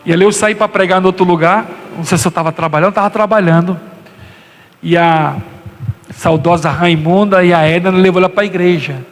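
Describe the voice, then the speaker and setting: Male pastor, sermon, high-pitched voice, passionate swings in pitch, long hall reverb. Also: steady tone, fairly quick. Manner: impassioned preaching with sudden high-pitched acted quotes.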